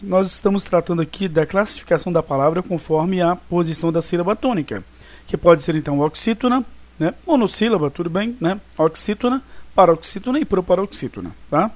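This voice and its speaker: A man's voice: high-pitched, lively intonation, normal speed, a little mellow. A male teacher talking through exercises in a recorded online class, casual and chatty, often checking in with his students. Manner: casual, chatty, with many fillers and check-ins.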